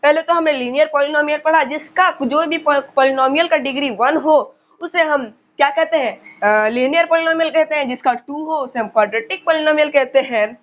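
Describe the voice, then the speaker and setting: A woman teaching school math in a casual lecture, who repeats key terms and quizzes her listeners. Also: high voice. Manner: slows down while writing on the board. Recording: dull lo-fi recording.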